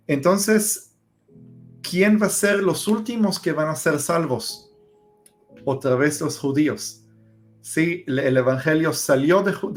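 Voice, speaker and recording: Man teaching scripture, very slow delivery, higher voice, soft guitar underneath. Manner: explanatory, with many fillers. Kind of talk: religious discussion.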